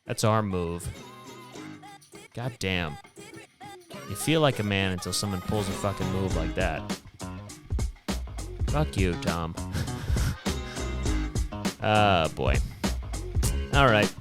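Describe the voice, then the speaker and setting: A man's voice: sits low, expressive, takes it slowly, long pauses, music in the background. A man hosting his own podcast, telling a rambling, wry story with plenty of swearing. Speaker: podcast host. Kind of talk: casual solo storytelling.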